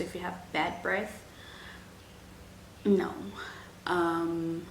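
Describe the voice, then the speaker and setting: Chatting through viewer questions in a laid-back Q&A, a young woman vlogger talks slowly, her voice gravelly and on the low side. Afrikaans is her first language, and she comes across as frank and chatty, filling her speech with "like" and "um." There's an echo to the room and a faint hum behind her.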